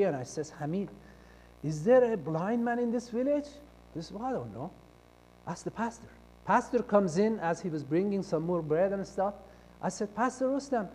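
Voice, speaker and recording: Casting: man from Iran, high voice, telling his testimony, acting out the dialogue, loud one moment and hushed the next. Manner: acts out quoted dialogue, shifting between loud and hushed. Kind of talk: personal testimony storytelling. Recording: long reverb of a large hall.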